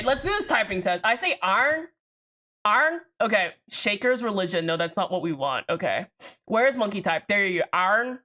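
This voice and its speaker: A chatty woman streaming live, talking to her viewers in a loose, rambling way and cursing casually. Her voice sits a little high and sounds bright and forceful. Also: rough recording. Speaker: livestreamer talking to chat. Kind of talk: casual livestream chat.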